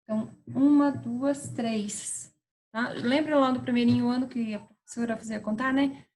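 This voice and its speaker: Steady in tone and a little mellow, a woman teacher with a slightly high voice patiently explains a grammar lesson over poor audio. She spells words out slowly, often checking "tá?" and "certo?" with her students.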